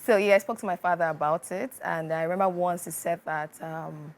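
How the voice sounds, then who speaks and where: A woman's voice: lowish voice, fairly even intonation, a little fast. A young woman with a Nigerian accent, a filmmaker answering interview questions earnestly with frequent ums and easy laughs. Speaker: filmmaker guest.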